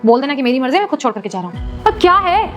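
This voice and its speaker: A woman's voice: high voice, very animated, rapid-fire. A woman playing a hot-tempered young wife in a short domestic drama, who scolds, justifies herself and pleads. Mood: pleading, scolding. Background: faint background music.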